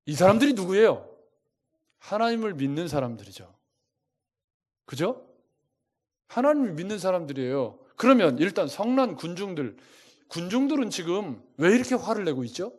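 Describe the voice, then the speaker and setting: Questioning male pastor, rising pitch. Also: moderate pace. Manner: asks the congregation many rhetorical questions; lively, shifting loudness for emphasis. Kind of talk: sermon.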